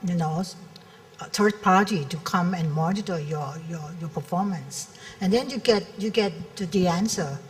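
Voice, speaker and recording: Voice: mid-range voice, moderate pace. Frank panelist, distant mic. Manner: frank, advisory, repeats words often. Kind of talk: conference panel discussion. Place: convention hall.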